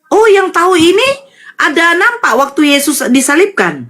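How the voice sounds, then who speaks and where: High animated woman pressing questions. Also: normal speed. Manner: animated, presses with rhetorical questions and hypothetical examples. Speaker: questioner in interfaith debate. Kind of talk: heated debate.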